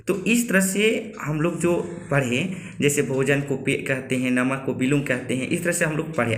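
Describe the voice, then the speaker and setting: A man teaching a spoken language lesson, slowly and patiently repeating words and asking listeners to say them after him. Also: on the high side, fairly bright tone, roomy sound. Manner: slow, careful, patient, repeating words for learners.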